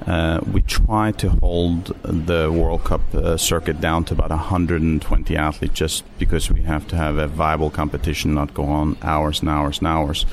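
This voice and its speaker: A middle-aged man from Norway with a Norwegian accent, answering interview questions in a measured way with many fillers and restarts. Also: a bass voice, little pitch movement, a little hiss or hum. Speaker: interview guest, sports official.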